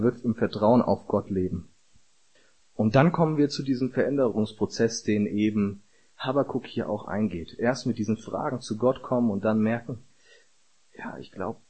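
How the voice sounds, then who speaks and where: A man's voice: lowish voice, moderate pace, mellow, breathy edge, muffled recording. A man preaching a sermon in an earnest way, building to emphatic repeated calls.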